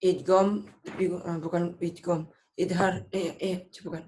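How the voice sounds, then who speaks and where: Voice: mid-range voice, little pitch movement, takes it slowly, darkish tone, slight background noise. A young student answering a teacher's tajwid questions in short, hesitant replies, correcting himself when he gets one wrong.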